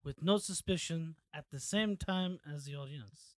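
A man's voice: fairly high pitch, measured pace, dry recording. Casual man playing a tabletop game. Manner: casual, uses fillers like 'like'. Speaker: player.

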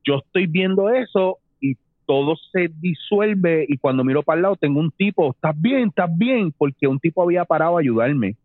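A man, telling a long personal story in casual talk, animated and mixing in English phrases. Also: fairly high pitch, a little fast, no echo. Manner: animated, mixes English phrases, acts out voices. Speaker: storyteller guest. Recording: tinny phone-like dry sound.

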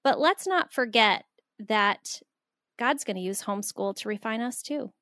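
Bright, earnest American woman guest. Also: fairly high pitch, animated, a little slow, no echo, studio quality. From American Southwest, US. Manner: earnest, exhorting, laughs easily. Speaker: podcast guest, author. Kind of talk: interview conversation.

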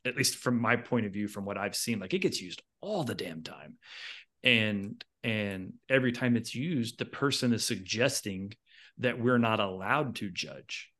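A man's voice: on the low side, animated, a little slow, fairly bright tone. A man co-hosting a podcast, talking in casual discussion and laying out his view with emphatic asides. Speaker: podcast co-host.

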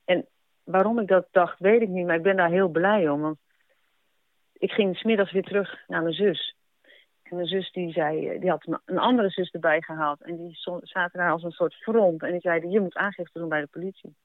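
A woman giving a personal account in a reflective, halting way. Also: fairly low pitch, steady tone, no echo. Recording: narrow radio-broadcast sound, faint music.

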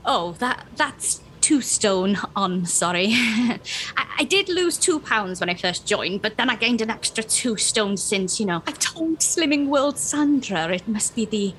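A flustered, apologetic young mum, played by a woman. Her voice is high and giggly and darts all over. Faint noise sits behind her. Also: animated, unhurried, a bit bright. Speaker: flustered late gym member, a mum. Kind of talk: sitcom acting.

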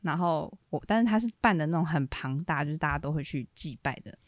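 A woman in her late twenties co-hosting a podcast, telling a personal story in animated casual chat, laughing often and restarting her sentences. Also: low-pitched, fast talker, no echo, studio quality. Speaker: podcast co-host.

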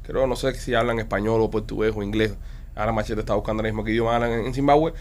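A man's voice: on the low side, fairly even intonation, racing, slight background noise. A man hosting a podcast, chatting and teasing his co-hosts playfully. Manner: playful, teasing, jumps between topics. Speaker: podcast host. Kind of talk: casual podcast banter.

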